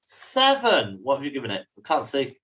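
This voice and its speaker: A man's voice: mid-range voice, racing, a little hiss or hum, low-quality recording. A man co-hosting a podcast in casual chat, teasing his co-host and running the scoring. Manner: teasing, bantering, runs the scoring.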